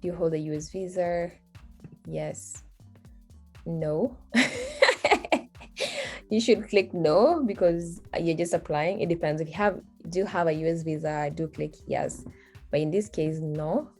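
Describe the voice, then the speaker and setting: With faint music in the background, a young woman from Kenya, Swahili and Luo being her first languages, narrates a screen recording of herself filling out a form. She speaks in a lowish, slightly mellow voice, unhurried and pausing often, thinking out loud casually and laughing at her own moments as a video tutorial host.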